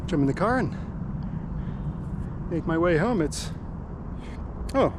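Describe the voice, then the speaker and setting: A man's voice: on the high side, expressive, slow. A man chatting casually and rambling in a laid-back way while out on a run, vlogging as he goes. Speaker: running vlogger. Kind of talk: casual rambling vlog chat. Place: outdoors on a run, near a car. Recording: outdoor recording with car and ambient noise.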